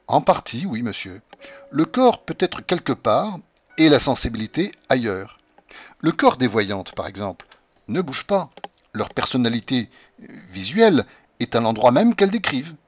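A man reading the part of an earnest doctor who explains things patiently and convincingly, in a husky voice. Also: mid-range voice, sing-song, normal speed, dull audio. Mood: explaining.

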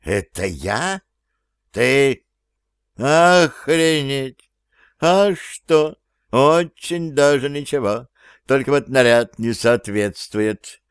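A man's voice: mid-range voice, lively intonation, slow pace, clear, resonant tone, dry recording, clean studio sound. A man voicing a coarse, brash male thug who turns mock-coy, in an audiobook. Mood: gleeful, mock-coy. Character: Petruccio, coarse male thug gleefully transformed.

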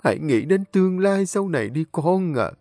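A frail old grandmother near the end of her life, played by a male storyteller, pitched well above his own voice and kept soft and slow. She sounds resigned and loving, heard close and dry over faint music. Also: lively intonation, no echo. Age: older.

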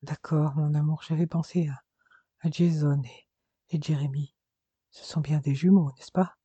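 Guy doing a dying young mom, barely above a whisper, warm and tender, lo-fi. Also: low voice, steady tone, measured pace, breathy edge, dry recording. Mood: faint tender. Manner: faint, breathless murmur.

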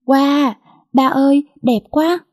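A woman's voice: fairly high pitch, fairly even intonation, moderate pace, warm tone, natural voice. A woman voicing a sweet, affectionate ten-year-old girl in a storybook reading, with an eager, childlike manner. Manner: eager, tearful when frightened.

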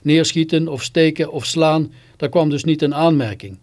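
A man's voice: a little high, normal speed, darkish tone. A man reading a first-person story on literary radio in a theatrical, scornful way, with sudden bitter outbursts.

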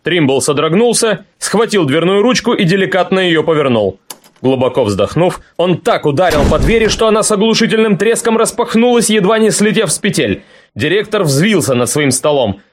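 Male audiobook narrator, higher register, steady read. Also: moderate pace. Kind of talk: scripted story narration.

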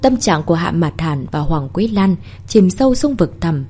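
A woman reads a story aloud with expressive storytelling. Her pitch moves widely, and her tone is husky and mellow. The reading stays animated throughout. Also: moderate pace. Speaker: narrator.

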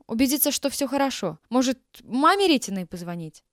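A woman's voice: high-pitched, big pitch swings, dry recording, clean studio sound, voice pushed up. A woman reader voicing a breathless, eager young woman teacher. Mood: hurried. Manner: hurried, eager.

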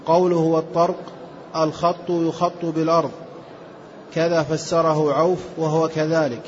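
A student reading a classical text aloud in a steady recitation. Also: male voice, a little high, normal speed. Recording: dull lo-fi recording with faint hiss.

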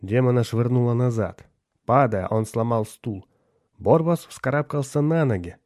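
A man narrating a story in an audiobook with a steady storytelling delivery. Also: medium pitch, measured pace, dry recording, clean studio sound.

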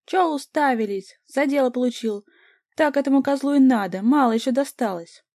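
A woman's voice: moderate pace, dry recording, studio quality, lightly acted. Woman voicing a shrieking furious young woman. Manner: shrill, yelling insults.

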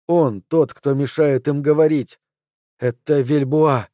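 A man voicing a boy speaking as if in a trance, slowly and quietly, in an audiobook. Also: on the high side, steady tone, dry recording, clean studio sound. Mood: entranced. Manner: slow, trance-like delivery. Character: entranced boy, slow and hushed.

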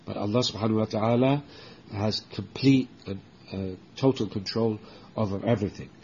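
A man teaching a religious book lesson, explaining slowly with many restarts and checking in with "okay?", and reciting Arabic verses quickly. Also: fairly low pitch, warm tone, muffled recording, a little hiss or hum. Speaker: Islamic teacher.

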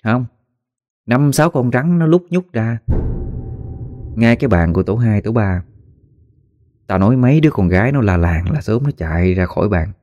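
A man narrating a spooky story in a folksy, animated way, acting out the voices of the people in it. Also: fairly low pitch, normal speed, pauses often, no room sound, lo-fi sound. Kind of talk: spoken ghost story narration.

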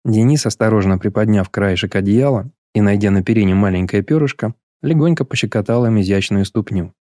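Male narrator, low dark tone, dry close recording, measured delivery. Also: no room sound. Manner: even, measured reading. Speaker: audiobook narrator. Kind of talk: scripted narration.

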